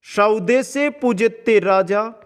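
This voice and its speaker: A male teacher giving an exam-prep lesson. He chants each verse slowly, then explains it in quick asides, asks students if they understood, and calls them friends. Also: high-pitched, smooth. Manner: addresses students as friends, asks checking questions.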